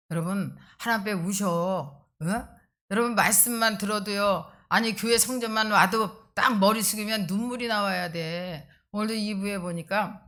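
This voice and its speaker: This middle-aged woman pastor preaches emphatically yet conversationally, throwing quick rhetorical asides at her congregation. Her voice sits at a medium pitch with a slightly bright quality.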